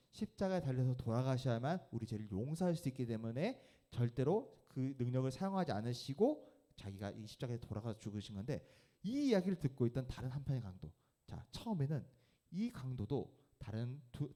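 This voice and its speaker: A man's voice: medium pitch, sing-song, brisk, warm tone. A man preaching to teenagers as a youth pastor, telling the story casually and speaking to the kids directly.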